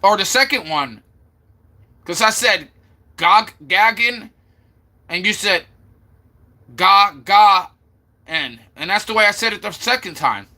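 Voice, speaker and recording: A man from Florida, USA, chats casually on a live stream, addressing viewers and sounding out their names repeatedly. His voice is high-pitched and expressive, pushed and bright, at a moderate pace.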